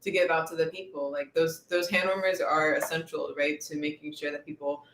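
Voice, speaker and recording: A man's voice: fairly high pitch, flat delivery, brisk, fairly bright tone, faint music behind. A man co-hosting a casual livestream, earnest and talkative, often tagging on "right?". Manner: earnest, keeps adding "right?". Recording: echoey room with faint noise.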